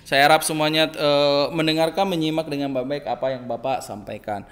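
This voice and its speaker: A male primary school teacher giving a recorded online lesson, hesitant with many fillers and gently admonishing. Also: on the high side, steady tone, brisk.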